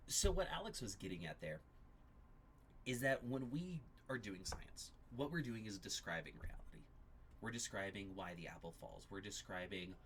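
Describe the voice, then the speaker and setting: Deep-voiced man teaching a church class. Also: fairly bright tone, slight background noise. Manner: explanatory, measured, occasional restarts. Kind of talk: apologetics class lecture.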